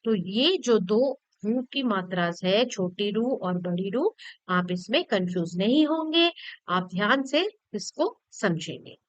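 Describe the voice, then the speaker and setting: A woman's voice: medium pitch, lively intonation, takes it slowly, no echo, dull audio. A woman teacher patiently explaining a grammar lesson to children, repeating points and checking that they follow.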